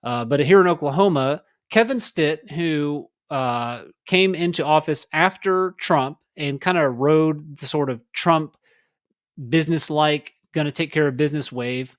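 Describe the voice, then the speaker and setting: A man's voice: on the high side, a little slow, no echo, studio quality. A man from Texas hosting his own podcast, talking casually about politics and daily life in a rambling way with many fillers. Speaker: podcast host. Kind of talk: casual solo political talk.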